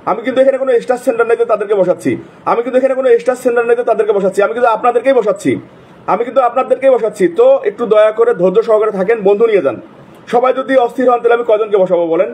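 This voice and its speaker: A man hosting a live stream, repeatedly calling out viewers' names in rapid, repetitive bursts. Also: very high voice, darkish tone, husky. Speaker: livestream host. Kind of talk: casual live-stream shout-outs.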